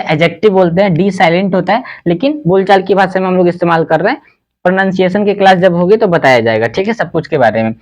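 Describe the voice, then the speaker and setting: A man teaching an English lesson in Hindi. He keeps asking the class questions and answering them himself, and he spells words out slowly, letter by letter. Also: high voice.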